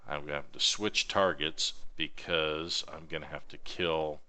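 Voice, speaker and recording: A man streaming a video game, talking in a flat, monotone way and explaining each move as he plays at his home computer. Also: extremely low pitch, a little slow. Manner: explains his gameplay moves as he goes. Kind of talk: casual gaming stream chat.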